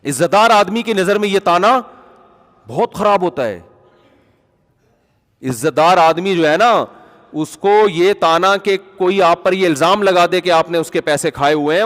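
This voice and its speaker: Man, preacher, storytelling sermon, animated, emphatic, fairly high-pitched, long reverb. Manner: animated, conversational, rising to emphatic peaks. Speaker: Islamic preacher.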